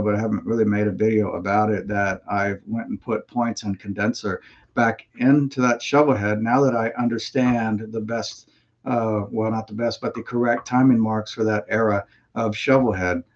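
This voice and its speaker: A man's voice: on the low side, fairly even intonation, moderate pace, highs cut off. A man chatting casually on a livestream, rambling in a folksy way with lots of fillers and restarts, and he has the hiccups. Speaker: motorcycle vlogger.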